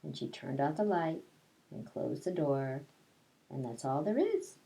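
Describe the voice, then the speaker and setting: Slow-paced woman reading to young children. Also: sits low, expressive, gravelly, dark tone, low-quality recording. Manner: simple, explanatory talk for young children. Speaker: kindergarten teacher reading story time. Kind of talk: picture-book read-aloud with casual asides to children.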